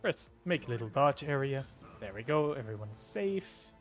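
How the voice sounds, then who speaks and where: A streamer with a mid-range, lively voice commentates his live gameplay at a normal speed, soft music playing in the background. He jokes at his own expense, swearing and exclaiming at what happens on screen.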